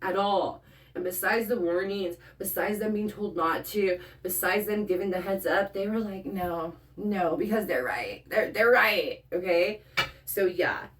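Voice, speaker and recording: A woman's voice: medium pitch, measured pace. Blunt, swearing woman tarot reader. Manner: blunt and profane, checks in with "okay?" often. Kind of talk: casual spoken tarot reading to the viewer. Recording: voice a bit far from the mic.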